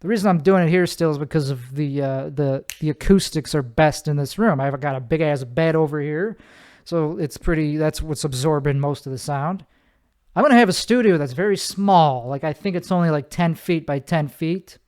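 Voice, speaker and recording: A man hosts his own solo podcast from his bedroom, rambling casually with lots of fillers and frequently correcting himself. His nasal voice is fairly high, a little mellow and clean in tone, and he speaks at a normal speed.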